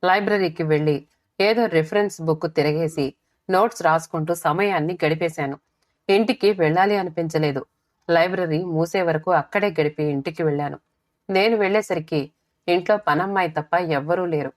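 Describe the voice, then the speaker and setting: A woman narrating a first-person audiobook story in a steady, measured reading. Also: fairly low pitch, dry recording.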